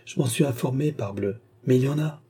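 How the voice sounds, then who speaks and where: A man's voice: mid-range voice, a little fast, creaky, breathy edge, voice pushed up. A man reading a lazy, unbothered brother. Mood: phlegmatic. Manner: flat, phlegmatic, curt. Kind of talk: audiobook character reading.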